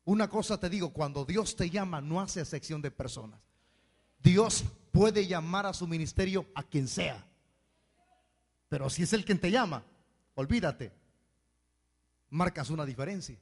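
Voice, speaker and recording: A man preaching a sermon as pastor, with animated asides where he mimics complaining people. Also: fairly high pitch, measured pace, long pauses. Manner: preaching with acted asides in mocking voices. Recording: hall reverb.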